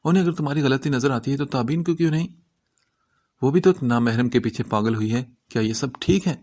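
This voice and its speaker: A man's voice: mid-range voice, a little mellow, lightly acted. A man reading the part of a bitter, protective middle-aged aunt in a novel, in a scolding manner.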